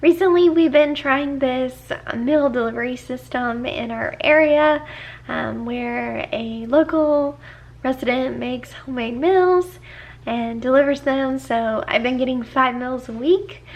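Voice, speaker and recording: A woman's voice: sits high, unhurried. A young woman chatting casually to viewers, explaining each step of her routine at home. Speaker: vlogger. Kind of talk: casual vlog walkthrough. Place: at home, narrow laundry room and kitchen. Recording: echoey room.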